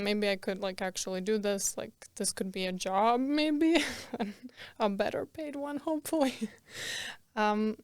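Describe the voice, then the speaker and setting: Young woman from Croatia, guest; smooth, even delivery, chatty with frequent laughs. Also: mid-range voice, no echo. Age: young adult. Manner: chatty, laughs often, many fillers. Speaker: podcast guest. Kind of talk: casual interview.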